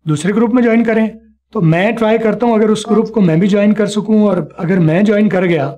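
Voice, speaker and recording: A man teaching spoken English in an online class, repeating each sound slowly for his students. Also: high voice, mellow, lo-fi sound.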